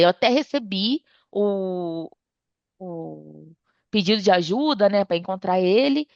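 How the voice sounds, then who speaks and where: Woman, podcast guest, lively storyteller, lo-fi dry recording. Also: gravelly, no room sound. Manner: animated retelling, acts out dialogue with her mother. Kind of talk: casual storytelling. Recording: dull dry low-fidelity sound.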